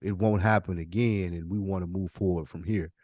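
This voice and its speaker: A man co-hosts a podcast casually, asking questions and summing up what he's heard. His voice is low and darkish with fairly even intonation and a brisk pace, recorded at studio quality with no echo.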